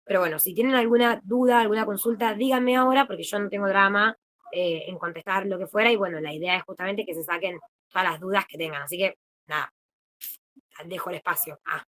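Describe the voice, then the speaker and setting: A woman's voice: mid-range voice, a little fast, fairly bright tone. Young Argentine woman tutoring casually. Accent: Argentine Spanish. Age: young adult. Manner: chatty, easygoing explaining. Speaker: peer tutor. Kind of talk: informal online study session. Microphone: video call.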